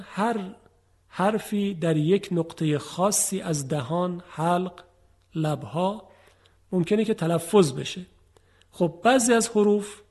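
A man's voice: high-pitched, darkish tone, breathy edge. A man teaching Quran recitation on a radio program, explaining patiently and speaking directly to his listeners. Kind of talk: radio lesson on tajwid.

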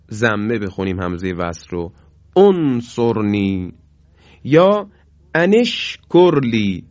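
A male teacher giving a Quran recitation lesson on a broadcast program. He explains the rules politely and formally, then says each Arabic example word slowly and drawn out. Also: fairly low pitch, no room sound, lo-fi sound. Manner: slow, drawn-out demonstration of Arabic words.

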